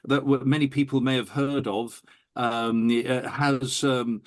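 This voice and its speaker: An audiophile recording producer, appearing as an interview guest, tells anecdotes with enthusiasm in animated interview talk. His male voice is medium in pitch and level in tone, and he speaks a little slowly.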